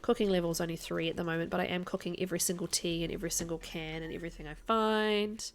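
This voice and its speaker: A woman's voice: on the low side, steady tone, fast talker. Chatty woman with a mild New Zealand accent. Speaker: live game streamer. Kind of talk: casual livestream chat over gameplay.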